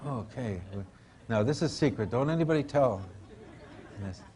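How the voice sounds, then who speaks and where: Older male religious lecturer, medium pitch, informal, rambling professor manner with hesitant repeats and asides. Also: expressive, moderate pace, mellow, a faint crowd.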